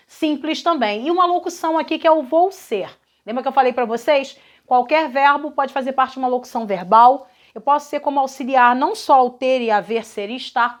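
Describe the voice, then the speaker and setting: A Brazilian woman with a high voice teaches a recorded grammar lesson, working through exercises one by one. She explains patiently and keeps checking that her students follow along. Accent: Brazilian Portuguese. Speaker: Portuguese teacher.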